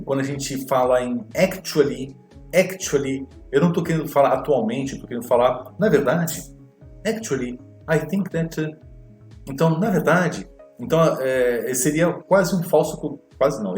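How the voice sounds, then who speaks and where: A man teaching an exam walkthrough lesson, explaining slowly and repeating words to model their pronunciation. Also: mid-range voice, darkish tone, roomy sound. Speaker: English teacher.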